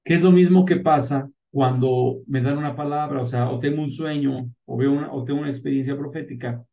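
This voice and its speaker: A man's voice: on the high side, mellow. Male pastor preaching with rhetorical questions. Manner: emphatic, rhetorical questions and answers; repeats words for stress. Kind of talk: sermon. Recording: distant mic, dull lo-fi sound.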